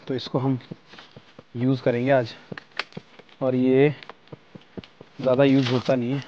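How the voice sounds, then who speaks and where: A man chatting excitedly to camera from inside a small tent with a wood stove, slipping English words into his talk. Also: medium pitch, a little slow, dull audio, slight background noise. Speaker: camping vlogger. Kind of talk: casual chat to camera.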